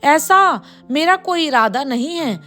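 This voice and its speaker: A gentle, downtrodden young daughter-in-law, voiced by a woman storyteller, pleading softly in a high voice. She speaks slowly in a storybook tale. Faint music plays beneath. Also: lively intonation, full character voice. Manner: soft, pleading. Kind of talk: storybook voice acting.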